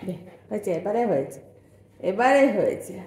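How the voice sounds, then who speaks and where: A woman's voice: mid-range voice, very animated, moderate pace, darkish tone. A woman filming her dog at home, coaxing and scolding it in baby talk and turning aside to talk to viewers. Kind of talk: casual home pet vlog. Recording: echoey room.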